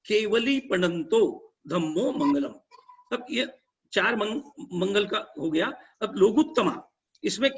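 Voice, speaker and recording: A man with a high, husky voice teaches scripture in a patient, explanatory way. He restarts his words and chants short prayer lines between explanations. The recording sounds dull and lo-fi. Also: fairly bright tone. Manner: patient, explanatory, repeats and corrects himself, chants prayer phrases. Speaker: religious teacher.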